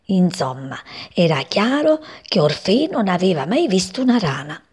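A woman reading a children's story aloud, expressive and voicing the characters. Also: fairly low pitch, moderate pace, breathy edge.

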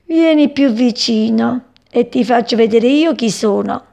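A woman voicing a sly, hungry male cat in a children's story, speaking slowly and gloatingly. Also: a little high, gravelly, mellow, pitched above the performer's own voice. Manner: slow, gloating, drawn-out.

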